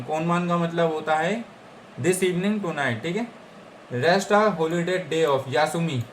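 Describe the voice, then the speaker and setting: A man's voice: on the high side, fairly bright tone. Young male tutor from India, casual and repetitive, keeps asking "okay guys", light background noise. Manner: repeats words and keeps checking understanding with "okay guys?". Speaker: Japanese language teacher.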